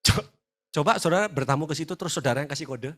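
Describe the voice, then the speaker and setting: Animated high-voiced pastor. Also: male voice, quick pace, a little hiss or hum. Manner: animated storytelling, acts out quoted voices, shouts and laughs. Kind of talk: lively conversational sermon.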